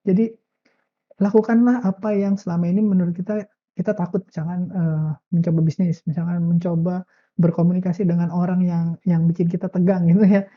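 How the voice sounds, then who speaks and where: A woman giving a relaxed, casual motivational talk, full of filler words and drawn-out "eee" hesitations. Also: fairly low pitch, highs cut off. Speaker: self-improvement speaker.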